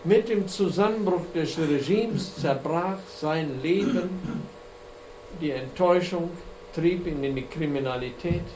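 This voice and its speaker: A man preaching, telling stories slowly and earnestly as he shows slides. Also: fairly high pitch, a little mellow. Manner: slow, earnest storytelling. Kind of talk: sermon with slide presentation. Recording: echoey room with faint hum.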